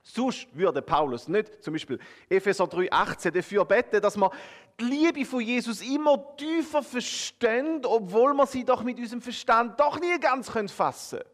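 Man, Swiss German accent, preacher, sermon, high voice, expressive, moves between emphatic and hushed. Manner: expressive, swinging between emphatic rises and hushed, drawn-out passages; addresses listeners directly with a conversational "oder?".

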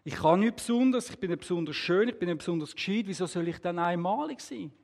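A man's voice: high voice, lively intonation, quick pace, gravelly, darkish tone. A man voicing a small, unsure male wooden figure, timid and full of questions. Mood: earnest.

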